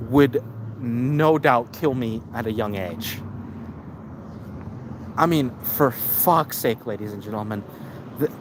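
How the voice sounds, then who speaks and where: A man's voice: mid-range voice, noisy background. Profane, rambling male live-streamer. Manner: rambling, profane, with many restarts. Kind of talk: casual rant.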